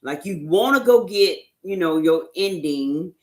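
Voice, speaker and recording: A woman's voice: on the low side, expressive, unhurried, darkish tone. A woman giving an informal faith talk as an inspirational speaker, speaking in a conversational, emphatic way with frequent "you know" asides. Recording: roomy echo.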